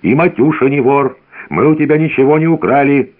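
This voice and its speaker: A man reading a dignified old village grandfather who answers calmly and firmly, in a tinny radio recording. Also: sits low, normal speed, exaggerated voice. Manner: calm, firm, sure of his right.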